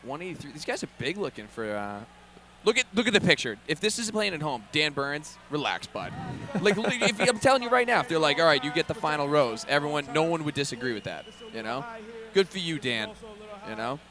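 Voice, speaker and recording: A man's voice: on the high side, big pitch swings, fairly quick, a crowd in the background. A man commentating on boxing in a chatty, wisecracking, slangy way. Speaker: fight commentator. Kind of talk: casual joking sports commentary.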